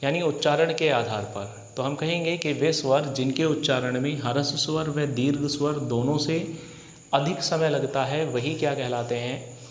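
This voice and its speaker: A Hindi teacher lecturing a class for exam prep. He asks rhetorical questions and answers them himself, and he repeats key points slowly. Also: fairly high pitch, echoey room, in a large hall.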